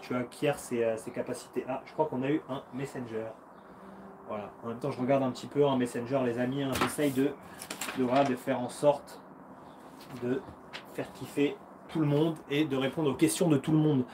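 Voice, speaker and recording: A man's voice: mid-range voice, steady tone, normal speed, noisy background. A man in his thirties, a karate fighter and coach hosting a casual live Q&A from home, upbeat and encouraging, chatty with slang, acting out punches and footwork with little sounds. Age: 30s.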